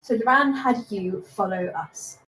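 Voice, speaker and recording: A woman's voice: mid-range voice, measured pace, pitched below the performer's own voice, close to an everyday voice. A woman voicing a stern, suspicious young man in his twenties who questions pointedly and sarcastically. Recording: echoey room with faint noise.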